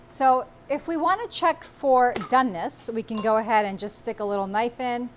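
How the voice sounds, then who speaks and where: Speaking at an ordinary pace with a fairly high pitch, this forties-aged cooking show host gives warm, step-by-step directions during a demonstration. She wears a lapel mic in a compact studio kitchen, and a little background noise can be heard.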